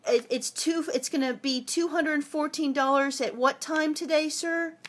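A woman with a high voice talks into a handheld phone outdoors in a parking lot. She stays polite but keeps pressing for clear answers, asking again and again until she gets them. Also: steady tone, a little slow, noisy background. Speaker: towing victim filming her ordeal. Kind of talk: handheld phone vlog and phone call. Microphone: phone camera held in hand.

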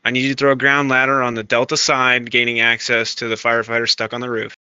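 A man's voice: mid-range voice, completely flat delivery, fast talker, sharp tone. A male fire incident commander giving directive, procedural orders over a two-way emergency radio. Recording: dull lo-fi radio, faint static.

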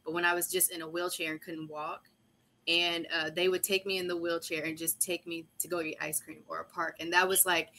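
Bright, flat-voiced woman telling a grateful personal story; faint noise behind her. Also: on the low side, a little fast. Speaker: panelist. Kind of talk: personal testimony on a panel.

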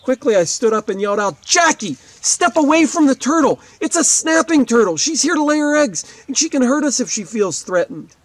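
Beside a wetland lake, a fortysomething fourth-grade teacher reads to kids in a very high, very animated voice, brisk and with hardly any pauses. The recording is dry, and he breaks off with explanatory asides as he reads.

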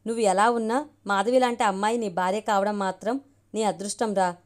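A friendly man who teases like an older brother, read by a woman in her own voice. He has a light, playful manner and is pitched at an ordinary middle height, as in a spoken storybook. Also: fairly even intonation, fairly quick, close to an everyday voice. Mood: teasing. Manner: light teasing.

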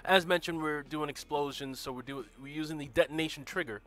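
A gaming livestream host with a bright, forceful, fairly high voice talks briskly while faint music plays behind him. He's stuffy from a cold and clears his throat now and then, yet stays friendly, greeting chat viewers by name and walking through game build details in casual live gameplay commentary.

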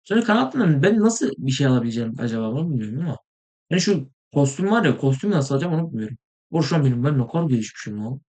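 Tired, excitable young man gaming. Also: mid-range voice, racing. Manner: rambling, excitable, swears in frustration, trails off into mumbling. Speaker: gaming video host. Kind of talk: casual gameplay commentary.

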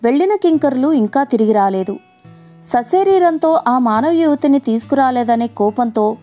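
A woman reads a novel aloud in a measured, expressive storytelling manner. Her voice sits high but has a dark, mellow tone. A faint music bed plays behind her. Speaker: audiobook narrator. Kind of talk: scripted novel narration.

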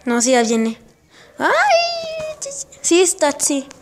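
A woman giving casual gameplay commentary for her channel, excitable and yelping often, with direct shout-outs to viewers. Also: high-pitched, a little slow. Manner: excitable, with frequent yelps and exclamations. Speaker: gaming channel host.

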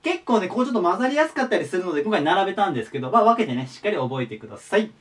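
A man giving a casual vocabulary lesson, friendly and polite, repeating each word slowly and clearly. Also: high voice, very animated. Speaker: English teacher. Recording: voice a bit far from the mic.

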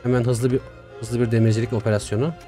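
A young man giving casual, chatty commentary while playing a strategy game, talking to himself with excitable swings. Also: mid-range voice, fast talker. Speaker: gaming YouTuber. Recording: faint music behind.

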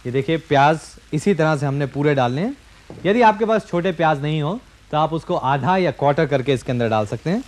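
Man, 40s, cooking show host, higher voice, step-by-step instructions, studio kitchen, clip-on mic. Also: lively intonation, a little fast, a little mellow. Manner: explains step by step, addresses viewers directly. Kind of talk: cooking demonstration.

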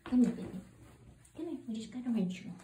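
A woman's voice: fairly high pitch, lively intonation, fast, noisy background. A woman bathing her pet and soothing it with cooing baby talk in a bathroom. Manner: cooing, repeats soothing words. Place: bathroom with running water. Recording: echoey bathroom, running water.

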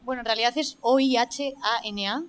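A woman's voice: a little high, a little fast, clean tone. A woman from Navarre, up from the audience, telling a story in an orderly, composed way. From Navarre, Spain. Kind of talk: casual anecdote on stage.

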